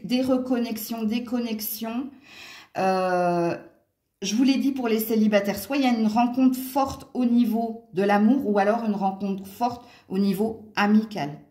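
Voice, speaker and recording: A woman's voice: medium pitch, mellow. A woman with a Franche-Comté accent giving a casual tarot and astrology reading from home, chatty and full of little exclamations and hein tags. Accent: Franche-Comté French. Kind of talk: casual card reading for viewers. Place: at home near a window. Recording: roomy echo.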